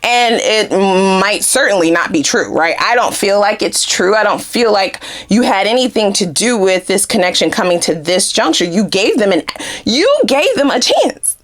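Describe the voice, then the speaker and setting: A woman talks through a casual tarot reading. Her pitch swings widely and she breaks into giggles often. She drops curse words freely and keeps things animated. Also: moderate pace. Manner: giggly, animated, frequent swearing. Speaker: tarot reader.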